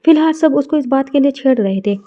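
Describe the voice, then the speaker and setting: A woman's voice: high voice, expressive, fast talker, dull audio. A woman reading a romance story aloud in a casual way, with fillers and restarts. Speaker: story narrator.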